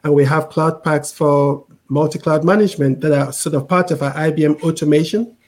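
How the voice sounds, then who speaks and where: A middle-aged man from Cameroon with a mixed international accent speaks in a mellow, fairly high voice. He explains his points patiently as an interview guest, often repeating words and checking in with "right?". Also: fairly even intonation, fairly quick. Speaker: interview guest, tech executive. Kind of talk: conversational explanation.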